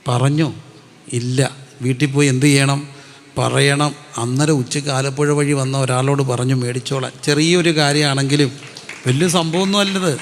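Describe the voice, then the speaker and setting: A male pastor with a gravelly, creaky voice preaches a sermon. He throws questions at the congregation and answers them himself, then slows right down to recite prayer lines. His voice trails off into the long reverb of a church hall. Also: mid-range voice, steady tone.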